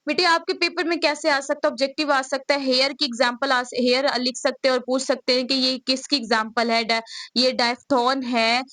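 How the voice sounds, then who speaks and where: Pakistani lady teacher, high voice, dry close sound, keeps asking and answering herself. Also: level tone, normal speed, pushed and bright, no echo. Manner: repeats questions and answers them herself, calls students "beta". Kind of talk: recorded lecture explaining slides.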